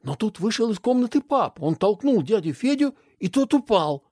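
A woman's voice: mid-range voice, normal speed, husky, dry recording, studio quality. Woman reading a story aloud. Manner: expressive reading with acted voices. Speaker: narrator. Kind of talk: storytelling narration.

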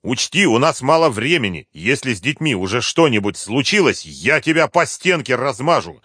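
A man's voice: medium pitch, sing-song, moderate pace, pushed and bright, breathy edge, dry recording, clean studio sound, pitched above the performer's own voice, exaggerated voice. A male narrator voicing a hard-nosed male colonel who issues blunt threats and commands. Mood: menacing. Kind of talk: audiobook character voice.

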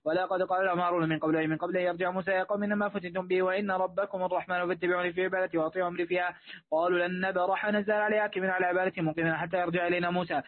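A man with a high, flat voice races through a classical commentary at a very fast clip, fixing slips on the fly. He keeps an even recitation tone throughout. The sound is dry and squeezed into a narrow, phone-like band. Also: no room sound. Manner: fast monotone recitation with quick self-corrections. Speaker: student reading the text aloud. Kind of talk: rapid reading of a classical commentary.

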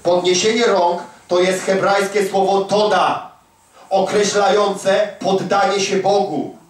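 A man's voice: sits high, fairly even intonation, slow. A man preaching a fervent, emphatic sermon full of rhetorical questions. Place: large echoey prayer hall. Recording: echoey hall recording from far off.

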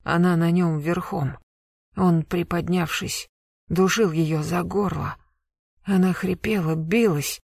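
A reader voicing a dazed young man in his early twenties who speaks slowly and quietly, halting in shock. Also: mid-range voice, steady tone, gravelly, no echo, clean studio sound. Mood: shaken. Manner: hushed, slow, halting.

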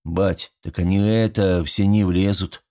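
A man voicing a big, slow-witted young man who mumbles in confusion. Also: low-pitched, steady tone, a little mellow. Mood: confused. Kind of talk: audiobook character voice.

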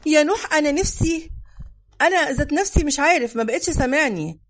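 A woman voicing a chatty adult man, a history buff and young father, with an Egyptian accent and an animated manner, in an audiobook. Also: high-pitched, fast, voice pushed up. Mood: lively. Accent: Egyptian Arabic. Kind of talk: audiobook character voice.

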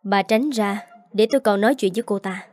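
A woman voicing a caring, protective young aunt who speaks gently but firmly. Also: mid-range voice, fairly quick, dry recording, lightly acted.

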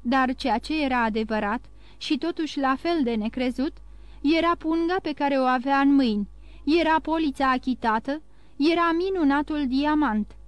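A woman narrating a classic novel in a measured, expressive audiobook reading. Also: high voice, no echo.

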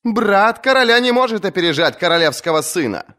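A man's voice: high voice, expressive, brisk, bright, forceful tone, voice pushed up. A bold mocking sea captain woman, voiced by a man. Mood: defiant mocking. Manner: mocking, taunting, commanding. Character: young fierce female sea captain, mocking. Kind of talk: audiobook reading.

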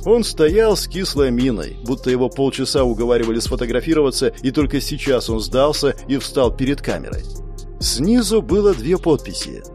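A man narrating a dramatic first-person audiobook with emotional, expressive delivery over faint background music. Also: medium pitch, normal speed.

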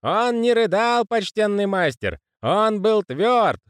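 A male reader voicing a fussy, pious old postman who speaks in a raspy, wheezy whisper and keeps saying sir. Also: fairly high pitch, wildly swooping pitch, measured pace, dry recording, studio quality, pitched above the performer's own voice. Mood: agitated, proud. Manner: deferential, says sir constantly. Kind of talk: audiobook character voicing.

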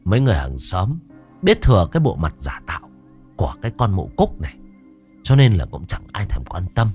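A man narrating a horror story in a dramatic, expressive way. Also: low voice, a little fast, faint music behind.

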